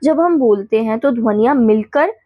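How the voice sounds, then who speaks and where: A woman teacher going quickly through exam revision points, listing definitions and checking in with the class as she goes. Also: fairly high pitch, expressive, no room sound, dull audio.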